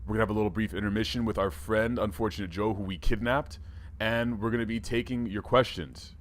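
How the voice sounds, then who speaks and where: A man's voice: lowish voice, fairly even intonation, brisk, a little hiss or hum, close to an everyday voice. A man playing a red alien co-host of a comedy talk show, rambling and playful.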